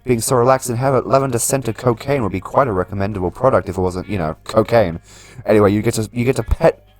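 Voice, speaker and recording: Talking quickly at a fairly low pitch, a man provides casual video game commentary, reading out the story on screen and throwing in his own thoughts. Faint game music plays beneath his dry voice.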